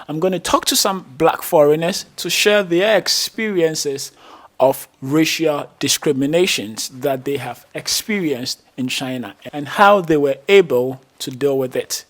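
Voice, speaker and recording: Brief: enthusiastic male street-interview host, slightly high voice. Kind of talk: upbeat vlog intro and street interview questions.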